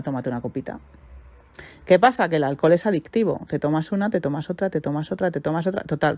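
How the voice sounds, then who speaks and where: A woman hosting a podcast, telling a client's story in an animated way, asking rhetorical questions. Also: fairly low pitch, dry recording. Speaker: podcast host and therapist. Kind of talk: storytelling monologue.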